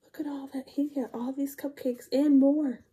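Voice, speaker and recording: A woman in her thirties reads a picture book aloud to young children as a storytime reader, in a high-pitched, mellow voice with a level tone and moderate pace. She reads expressively, asking questions and counting along with the kids.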